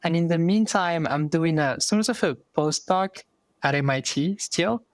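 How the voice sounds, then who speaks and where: In a relaxed interview, a guest from Morocco in his thirties recounts his story thoughtfully, his Moroccan-accented speech full of fillers and restarts. He sounds a little high and a little slow, with no echo.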